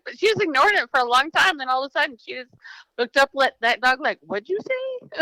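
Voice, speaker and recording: A woman's voice: fairly high pitch, pushed and bright, no room sound, low-quality recording. A woman co-hosting a casual talk show, telling stories with frequent giggles. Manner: giggly storyteller. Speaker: co-host. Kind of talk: casual chat.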